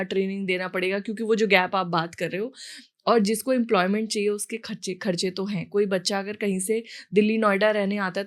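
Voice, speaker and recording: A woman who hosts a podcast and talks reflectively in a conversational way, mixing Hindi with English. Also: medium pitch. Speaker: podcast host, writer and entrepreneur. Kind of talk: podcast interview.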